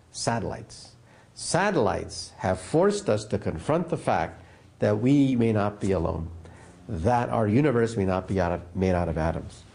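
A man from the United States, a physicist guest in an interview, explaining science as an animated, emphatic storyteller. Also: fairly low pitch, vocal fry.

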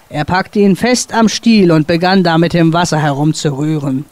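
A woman author reading a dramatic sea story aloud on a radio show, expressive and building tension. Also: fairly low pitch. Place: radio studio.

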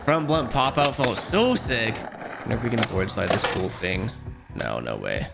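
A man giving casual, jokey commentary while playing a skateboarding game, talking to himself and reacting out loud. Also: lowish voice, sing-song, normal speed, vocal fry, background noise. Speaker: gaming YouTuber.

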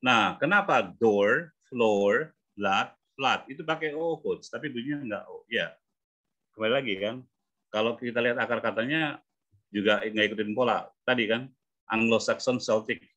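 A man coaching English pronunciation in an online class, explaining patiently and sounding out example words slowly. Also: mid-range voice, fairly bright tone. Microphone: video call. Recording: muffled video-call audio.

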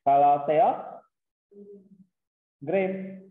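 In a casual classroom lecture, a man explains a lesson step by step, sprinkling in English terms. He speaks very slowly with a fairly high pitch, and the recording sounds tinny and phone-like with a roomy echo.

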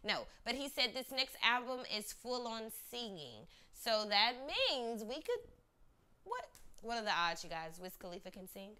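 Bright, crisp-voiced woman hosting. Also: fairly high pitch, very animated, normal speed. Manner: chatty, upbeat, addresses viewers directly. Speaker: host. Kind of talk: casual entertainment news roundup.

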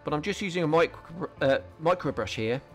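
With a fairly high, animated voice and a slightly fast pace, a man hosts a scale modelling tutorial, casually covering each step amid frequent ums and restarts. Soft background music accompanies this relaxed hobby voice-over.

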